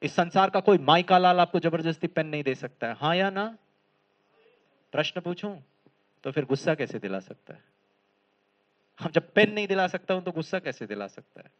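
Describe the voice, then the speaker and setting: A high-voiced man delivers a motivational lecture, full of humorous stories and quick questions to his listeners. He sounds lively and talkative. The recording is slightly dull and lo-fi. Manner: lively, humorous storytelling, asks the audience questions. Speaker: spiritual lecturer. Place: lecture hall.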